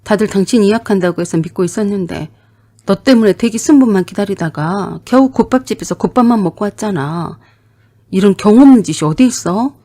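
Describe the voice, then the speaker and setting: A woman doing an irritable husband, sharp scolding questions, mellow dark tone, radio-drama storybook voice. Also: mid-range voice, fairly quick, natural voice. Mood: indignant. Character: irritable married man, demanding husband.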